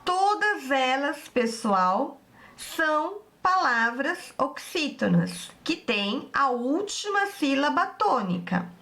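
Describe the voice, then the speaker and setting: Slow, lively-voiced teacher woman. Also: high-pitched. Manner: slow, didactic, stretches out word endings, addresses pupils as "turminha". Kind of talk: online grammar lesson.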